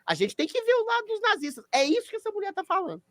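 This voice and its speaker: An assertive man with a Brazilian Portuguese accent, arguing as a podcast guest. His speech swings a lot in pitch and sounds dry and close to the mic. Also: wildly swooping pitch, rapid-fire, a bit bright, dry recording. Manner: assertive, argumentative. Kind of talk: podcast debate.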